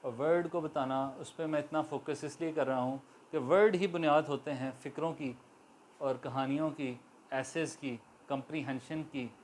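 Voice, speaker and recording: A man giving an English grammar lesson, speaking slowly and deliberately, spelling words out letter by letter and repeating examples for learners. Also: a little high, a little hiss or hum. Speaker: English teacher. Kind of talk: classroom-style grammar lesson.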